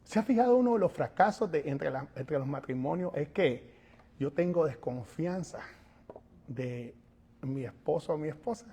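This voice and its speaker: A male pastor preaching a sermon, animated, moving between quiet asides and loud calls, and acting out little scenes. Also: a little high, normal speed, slightly rough, in a large hall. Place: church sanctuary.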